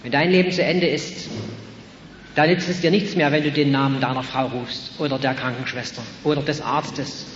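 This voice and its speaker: A man preaching an evangelistic sermon, swinging between loud calls and quiet, earnest passages. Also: mid-range voice, steady tone, normal speed, background noise. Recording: echoey hall, muffled old recording.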